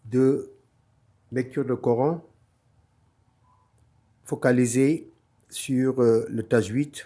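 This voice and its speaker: A man teaching letter pronunciation at an unhurried pace, pausing between words. He repeats each sound several times with patient care. His voice sits in an ordinary middle pitch. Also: dark tone. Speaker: Quran recitation teacher. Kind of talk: slow online lesson.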